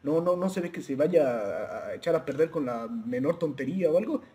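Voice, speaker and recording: Slightly high, mellow and husky, this reviewer's voice carries lively intonation at a somewhat fast pace as he casually shows off a handheld radio. He's hesitant, full of restarts and fillers, and often chuckles while speaking to viewers in a friendly way.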